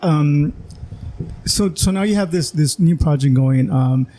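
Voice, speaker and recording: A male podcast host with a fairly high, mellow voice. He frames his questions haltingly, circling back with ums and restarts before he gets to the point. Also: slight background noise. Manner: hesitant, halting, many fillers. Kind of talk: casual interview chat.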